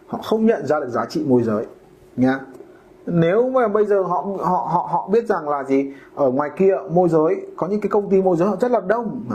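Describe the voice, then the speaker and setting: A man's voice: high-pitched, darkish tone. A man hosting a casual podcast monologue about real estate brokering, talking colloquially and acting out homeowners and brokers in quoted voices.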